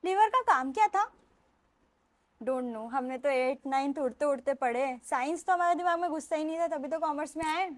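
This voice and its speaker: A woman's voice: high-pitched, normal speed, dry recording. A young woman teaching an exam revision lecture, chatty and playful, mixing into her talk and drilling students in call-and-response.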